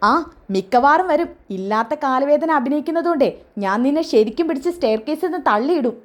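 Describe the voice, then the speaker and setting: A woman's voice: sits high, expressive, fast talker. A woman voicing a stern, protective older sister-in-law who scolds and threatens, in a retold serial story. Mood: scolding.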